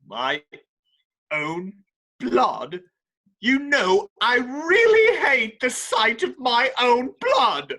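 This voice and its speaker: A man's voice: very high-pitched, big pitch swings, very slow, pushed and bright, heavily acted. A man playing a menacing, gloating pirate captain villain in a theatrical, taunting way at an amateur script read. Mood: shocked indignant.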